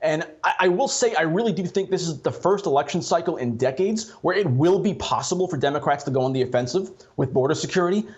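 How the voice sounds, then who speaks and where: A man debating as a political pundit in a measured, conciliatory way, on dull lo-fi audio. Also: a little high, expressive.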